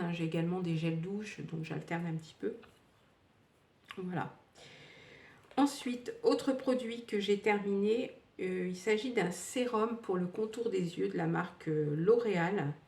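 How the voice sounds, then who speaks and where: This woman in her fifties has a fairly low, slightly mellow voice. As a beauty vlogger, she reviews beauty products she's used up in a casual, rambling way, full of fillers and restarts. The recording sounds echoey, with her distant from the mic.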